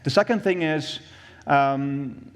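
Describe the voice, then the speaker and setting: A man's voice: on the high side, slow pace. A man, an industry executive, giving an explanatory conference talk, often repeating words as he thinks. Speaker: industry VP presenting. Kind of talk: conference presentation. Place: conference room on stage. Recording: long hall reverb.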